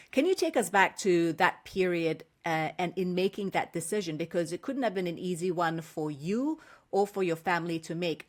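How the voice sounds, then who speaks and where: A woman from Singapore hosting a podcast, asking interview questions in an articulate, encouraging way. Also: on the low side. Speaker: podcast host.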